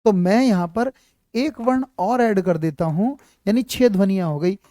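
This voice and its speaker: A man's voice: high-pitched, moderate pace, warm tone, dry recording, studio quality. A man teaching Hindi letters and sounds to students in a live class, repeating himself often and checking again and again that they understand, calling them child. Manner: addresses students fondly as child. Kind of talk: live online class, explaining at a board.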